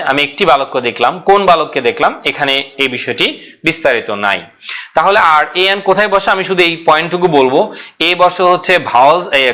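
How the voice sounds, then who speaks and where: A man leads an online grammar class. His voice sits a little high and sounds bright and forceful. He explains step by step, asks questions and answers them himself, and repeats key points. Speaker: English grammar teacher.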